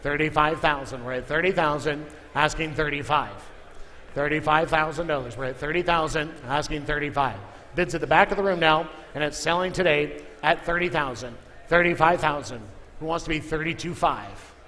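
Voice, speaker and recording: A man runs a live auction in a large indoor room, chanting figures over and over as he calls for bids. He speaks at normal speed in a slightly high, bright, forceful voice, recorded in an echoey hall with clear background noise.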